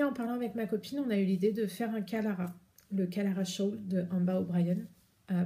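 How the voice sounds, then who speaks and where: Holding up yarn for the camera, a French knitting podcast host talks in a casual, rambling way, hesitating often. She has a warm, gravelly, mid-range voice.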